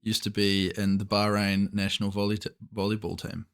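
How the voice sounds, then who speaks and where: Dry, deadpan podcast co-host man. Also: lowish voice, fairly quick, smooth. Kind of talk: casual chat.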